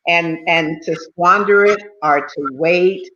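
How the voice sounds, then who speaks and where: A woman's voice: fairly low pitch, slow, fairly bright tone, a little hiss or hum. Older woman, 70s, talkative guest, loose rambling delivery; slightly muffled remote audio. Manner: chatty and rambling, full of you-knows and repeats. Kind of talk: casual talk-show interview.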